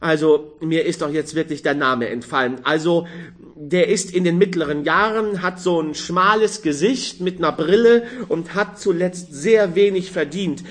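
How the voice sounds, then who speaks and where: A man's voice: on the high side, normal speed, fairly bright tone, pitched above the performer's own voice, lightly acted. A man voicing a chatty, fussy middle-aged aunt who rambles and hands out advice in an audiobook. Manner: rambling, busybody advice-giving.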